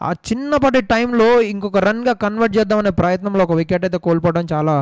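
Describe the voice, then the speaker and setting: A man with an Indian accent giving excited, emphatic live cricket commentary. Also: high voice, fast talker, clean tone, dry recording, studio quality. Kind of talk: live cricket commentary mixing Telugu and English.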